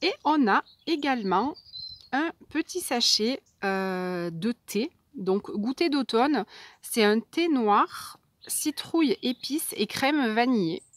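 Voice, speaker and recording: Soft-spoken woman with a higher voice. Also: expressive, slow pace, no echo. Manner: soft, hesitant, many fillers. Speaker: unboxing vlogger. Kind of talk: casual unboxing chat.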